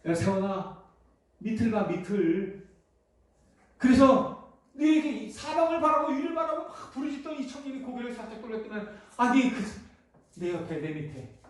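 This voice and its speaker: Preaching on a Sunday in the church sanctuary, this pastor poses questions to the congregation and then answers them himself. He has a very high voice with lively intonation and a fairly quick pace, recorded from a distance in the echoey hall.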